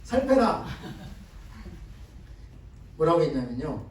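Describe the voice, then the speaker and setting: A man's voice: a little high, very animated, slow pace, a little mellow. A male pastor giving a conversational sermon seminar, often prompting the congregation to repeat after him and answer his questions. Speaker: guest pastor. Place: church sanctuary. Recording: echoey church hall from far off.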